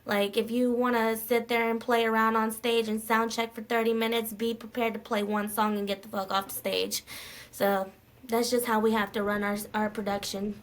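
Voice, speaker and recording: A woman's voice: on the high side, flat delivery, moderate pace. A middle-aged woman, a festival promoter, telling blunt stories full of swearing and quoted back-and-forth. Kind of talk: casual interview chat.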